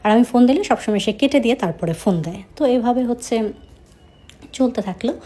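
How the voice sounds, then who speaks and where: A young woman with a slight Chittagong Bengali accent recounts her own story in an easy, chatty way. Her voice is mellow and low in brightness, and she often pauses or restarts her sentences. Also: animated, husky. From Chittagong, Bangladesh. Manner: conversational, with frequent hesitations. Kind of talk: first-person storytelling.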